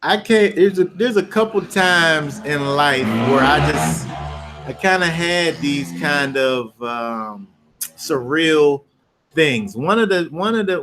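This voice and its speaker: A man hosting a Bible study discussion, chatting casually and telling loose, animated stories, acting out scenes with playful sound effects. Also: on the high side, a little hiss or hum. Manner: loose, rambling with restarts. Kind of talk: casual chat.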